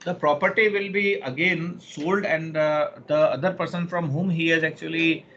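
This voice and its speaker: A man lectures in an Indian accent through slightly muffled, noisy audio. His voice sits a little high, and he repeats his phrases, often stopping to put questions to the class. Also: fairly even intonation, normal speed, a bit bright. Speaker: law lecturer. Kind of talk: interactive online lecture.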